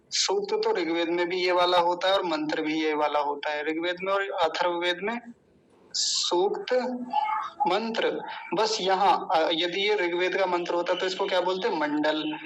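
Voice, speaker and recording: Man, high voice, slow, careful drilling of syllables, teaching recitation. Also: fairly bright tone, rough recording. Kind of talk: pronunciation lesson with chanting.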